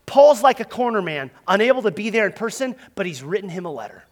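High-voiced energetic young pastor preaching. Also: male voice, fast talker, in a large hall. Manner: lively, leads call-and-response; storytelling with boxing imagery. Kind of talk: sermon.

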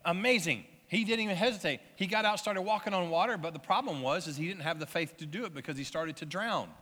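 A man's voice: sits high, fast, bright, forceful tone, in a large hall. A man preaching a sermon as pastor, telling the story in a conversational way and asking his listeners questions.

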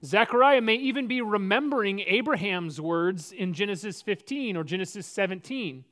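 A man's voice: sits high, lively intonation, normal speed, fairly bright tone. A man preaching a sermon in a conversational way, posing rhetorical questions and often restarting his words. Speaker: pastor.

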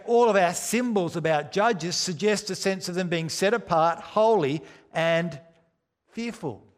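Male preacher in a reverberant hall. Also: high voice. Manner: dramatic, deliberate emphasis with rhetorical questions and repetition. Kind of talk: sermon. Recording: echoey hall with long reverb.

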